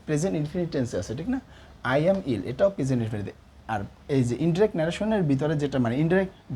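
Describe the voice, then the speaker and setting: Patient male teacher with a mellow voice. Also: on the high side, a little hiss or hum. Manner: explains patiently with repeated check questions. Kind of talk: classroom grammar lesson.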